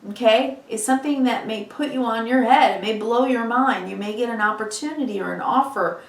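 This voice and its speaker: This woman's voice is on the high side and fairly quick, and it's slightly hoarse since she's losing it. Chatty and encouraging, with many "you know"s, she delivers a weekly tarot reading to camera. The audio comes from an echoey room with the mic at a distance.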